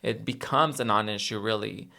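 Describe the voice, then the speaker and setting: A man's voice: lowish voice, normal speed, gravelly, sharp tone. A man hosting a reaction segment, talking in a casual, conversational way with emphatic opinions.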